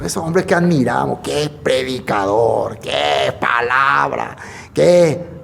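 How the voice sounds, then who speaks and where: A man preaching a sermon, reading verses slowly and emphatically, then explaining them conversationally with rhetorical questions. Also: sits high, darkish tone. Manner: speaks directly to the listener, with rhetorical questions.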